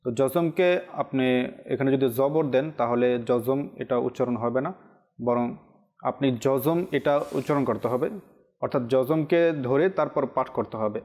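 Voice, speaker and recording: A man teaching correct pronunciation on a televised religious lesson, explaining slowly and chanting Arabic examples. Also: mid-range voice, a little mellow. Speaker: Quran recitation teacher.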